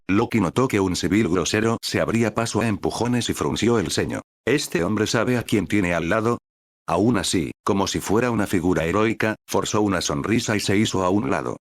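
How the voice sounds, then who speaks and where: A male narrator tells a scripted story at a steady, even pace. His voice is very deep and low, and it sounds dry and close to the mic. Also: no echo.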